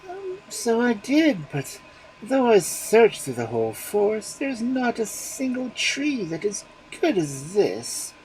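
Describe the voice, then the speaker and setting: A man voicing a sly, greedy fox in a storybook reading, sounding smooth and falsely reasonable. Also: high-pitched, wildly swooping pitch, slow, a little mellow, slight background noise, pitched above the performer's own voice, full character voice, poor audio.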